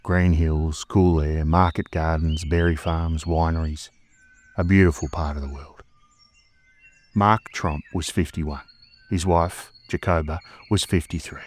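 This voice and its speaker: A man with an Australian accent narrating a scripted mystery story as a podcast host, in a measured, dramatic way. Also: rumbling low, fairly even intonation, darkish tone.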